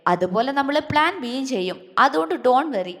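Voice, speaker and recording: A woman's voice: sits high, expressive, moderate pace. A woman doing a scheming playful young woman. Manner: playful, bossy. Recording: long hall reverb.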